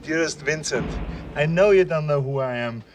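A man's voice: on the high side, moderate pace. An actor playing an earnest, literal-minded man meeting his twin brother in a film scene. He talks with the phone held away, so his voice sounds distant, and his manner is stiff and formal. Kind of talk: film dialogue.

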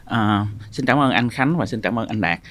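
A man with a southern Vietnamese accent giving unscripted expert commentary as a guest, often pausing on filler sounds. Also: on the low side, animated, fairly bright tone. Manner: halting, frequent filled pauses.

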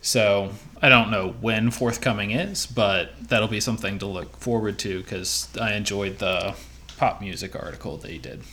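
Relaxed male podcast co-host. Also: fairly low pitch, normal speed. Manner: relaxed, rambling with fillers. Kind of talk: casual podcast sign-off.

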